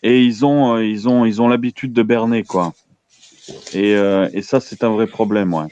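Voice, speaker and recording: Male radio show caller, 30s, lowish pitch, casual and halting delivery, dull close dry sound. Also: fairly even intonation, a little mellow, clean tone, dry recording. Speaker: caller on an open-line internet radio show. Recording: dull lo-fi call audio.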